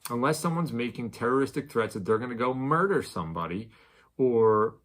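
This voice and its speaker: A man hosts a weekly roundup in loose, unscripted talk, his voice sitting at an ordinary middle pitch. He rambles, stalls on ums and restarts, then punches key points out louder. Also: lively intonation, a little fast. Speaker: show host. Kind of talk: casual talk to camera.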